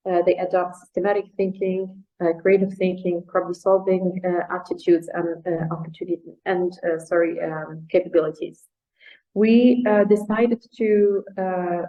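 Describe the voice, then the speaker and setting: A woman's voice: medium pitch, mellow. A woman giving an informal webinar presentation, hesitant and often searching for words. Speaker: project presenter. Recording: dull lo-fi webinar audio.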